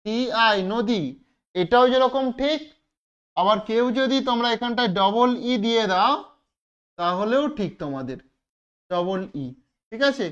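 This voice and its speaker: A woman teacher giving a classroom lesson to children, spelling out words slowly letter by letter and checking that everyone understands. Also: on the high side, smooth. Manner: slow, step-by-step spelling out of letters. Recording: dull lo-fi recording.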